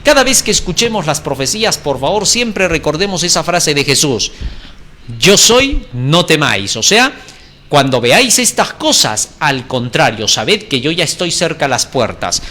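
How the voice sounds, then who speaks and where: A man's voice: a little high, big pitch swings, moderate pace, bright, forceful tone. A man preaching a sermon, reading scripture dramatically and asking rhetorical questions.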